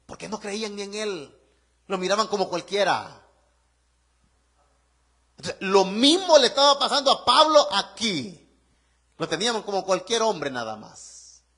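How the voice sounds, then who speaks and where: A man preaching a sermon as pastor, animated and putting rhetorical questions to the congregation. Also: high-pitched, unhurried, pauses often.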